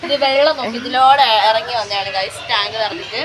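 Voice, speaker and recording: A woman's voice: fairly high pitch, a little fast, a loud crowd. A woman vlogging casually to her viewers, chatty and exclamatory, filming on a phone. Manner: chatty, addresses viewers as guys, exclaims often. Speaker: travel vlogger. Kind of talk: casual vlog chat. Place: rooftop terrace in hot sun, then indoors. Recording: phone video with loud background noise.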